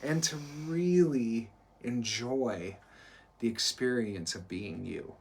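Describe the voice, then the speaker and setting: A man co-hosts a motivational live stream as a performance coach, speaking earnestly and encouragingly while often restarting sentences. His mid-range voice is creaky and unhurried, with slight background noise.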